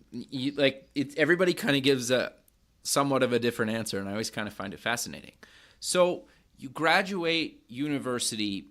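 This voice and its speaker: A North American man hosts a podcast in a casual, upbeat way, loosely feeling his way into each question. His voice sits at an ordinary middle pitch. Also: bright, forceful tone. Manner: upbeat, hedging with "kind of" and fillers. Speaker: podcast host. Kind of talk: casual interview hosting.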